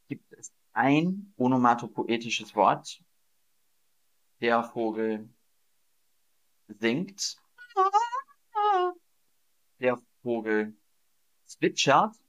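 A man teaching German in a livestream, repeating questions slowly and playfully acting out sound words for his viewers. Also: medium pitch. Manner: slow, drawn-out teaching delivery with repeated questions. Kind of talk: livestreamed language lesson. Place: Berlin.

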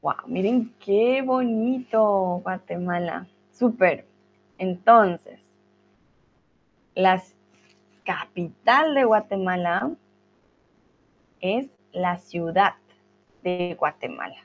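A Colombian woman runs a live online class in a friendly, encouraging way. She speaks slowly and spells things out with care, at a mid pitch. The sound is dull and lo-fi, like a video call. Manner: friendly, encouraging, slow and clear. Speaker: teacher.

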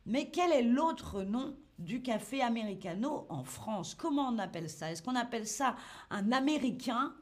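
A woman hosting a live-stream French lesson, speaking slowly and clearly, asking the chat quiz questions and laughing lightly as she reads it. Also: fairly high pitch, animated. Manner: slow, clear, teacherly, asks quiz questions.

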